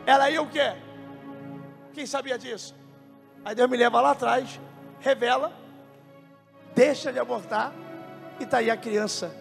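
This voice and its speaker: Man, Brazilian Portuguese accent, pastor, very high gravelly voice, exclamatory prophetic preaching, long church-hall reverb, music behind. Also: measured pace, pauses often. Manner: emotive and exclamatory, bursts into speaking in tongues; talks directly to congregants, questioning them. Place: large church hall with a congregation. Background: worship music.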